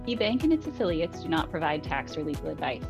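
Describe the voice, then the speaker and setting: A low-voiced woman reads a scripted legal disclaimer as a formal announcer. Her delivery is measured, and music plays clearly underneath her. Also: big pitch swings, dull audio.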